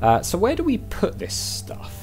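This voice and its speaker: A man's voice: high-pitched, wildly swooping pitch, normal speed, darkish tone, soft background music. A man hosting a let's play, thinking aloud in casual, tentative game commentary. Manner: musing, tentative.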